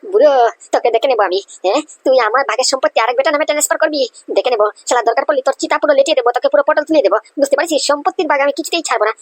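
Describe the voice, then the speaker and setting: A woman's voice: sits high, rapid-fire, no room sound, natural voice. A woman playing an indignant young man who threatens his father over his share of the inheritance, in a comedy sketch. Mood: defiant. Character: defiant rebellious grown son, young man.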